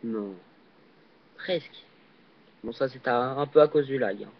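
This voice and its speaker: A young man casually commenting while he plays a video game, hesitant and full of fillers, with sudden excited yelps on jumps. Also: medium pitch, a little slow. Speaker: gaming channel host. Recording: dull lo-fi recording.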